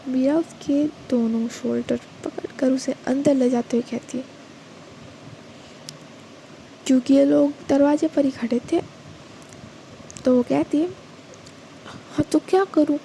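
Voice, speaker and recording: Soft-spoken woman telling a story slowly. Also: sits high, fairly even intonation, creaky, slight background noise, low-quality recording. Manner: casual Hindi narration with English words mixed in, restarts and self-corrections. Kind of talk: narrating a romance story and voicing its characters.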